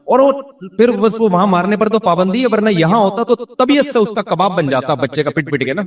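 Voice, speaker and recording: A man giving a religious lecture, telling lively stories and acting out voices in the dialogue. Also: high voice. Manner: lively storytelling, acts out voices in quoted dialogue. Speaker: Islamic scholar giving a religious talk. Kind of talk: religious lecture with humorous anecdotes. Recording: roomy, distant mic.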